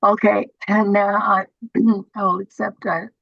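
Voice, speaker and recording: A woman with a husky, gravelly voice chairing a formal public meeting over a video call, speaking in a halting, procedural way. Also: medium pitch, level tone, dry recording. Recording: dull, lo-fi online meeting audio.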